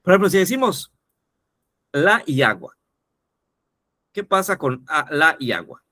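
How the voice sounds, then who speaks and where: A man's voice: a little high, very animated, unhurried, sharp tone, no echo, studio quality. A man teaching a lesson, explaining step by step and often checking in with the listener. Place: teaching video.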